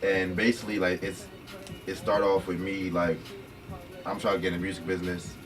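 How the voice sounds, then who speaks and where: A man's voice: deep voice, little pitch movement, brisk. A young man from Reading, Pennsylvania, a guest talking in a loose, slangy, profane, rambling way. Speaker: guest, show creator. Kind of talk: casual chat. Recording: distant mic with music playing.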